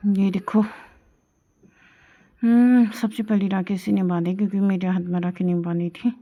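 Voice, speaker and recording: Young woman vlogger, mellow and relaxed tone, chatty narration for her followers. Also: medium pitch, moderate pace. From Indian hills. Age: young adult. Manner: chatty, showing and explaining to viewers. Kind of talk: casual family vlog narration.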